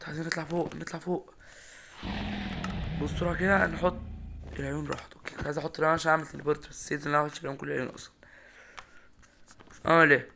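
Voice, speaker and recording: A young man with an Egyptian Arabic accent commentating his own Minecraft run, excitable, talking straight to his viewers and repeating words in bursts. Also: fairly high pitch, rapid-fire, vocal fry, long pauses, noisy background. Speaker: gaming YouTuber.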